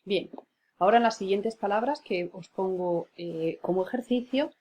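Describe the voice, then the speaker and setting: A woman's voice: medium pitch, normal speed, dark tone, highs cut off. A woman teacher, patiently explaining spelling rules and spelling out words syllable by syllable. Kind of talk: spelling lesson.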